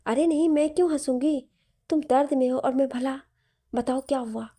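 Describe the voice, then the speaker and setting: A woman's voice: high voice, normal speed, dark tone, natural voice. A woman voicing a playful, teasing young woman in a story. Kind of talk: storybook narration.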